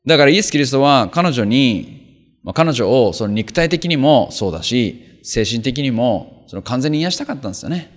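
A pastor reading scripture aloud and then explaining it in a relaxed, conversational sermon. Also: male voice, medium pitch, normal speed. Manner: conversational, explains with casual asides and fillers. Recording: long hall reverb.

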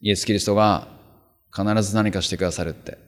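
Low-voiced man preaching in a reverberant hall. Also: steady tone, fast talker. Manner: conversational, explains with casual asides and fillers. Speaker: pastor. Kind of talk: sermon reading scripture and explaining it.

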